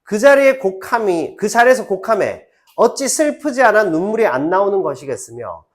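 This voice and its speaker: Middle-aged male literature teacher, high and animated, chatty lecture style. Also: moderate pace. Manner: animated, chatty asides, acts out quoted lines. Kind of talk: lecture to high school students.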